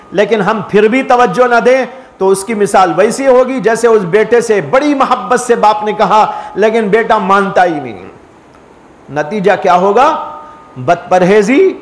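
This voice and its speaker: High-voiced earnest preacher man. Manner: earnest, repetitive, uses parables and rhetorical questions. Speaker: mufti giving a spiritual talk. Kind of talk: sermon.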